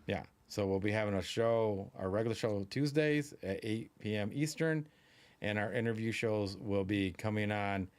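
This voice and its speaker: Low-voiced man, rambling live-stream chat. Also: moderate pace, darkish tone. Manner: loose, rambling, chatty with fillers. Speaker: podcast co-host.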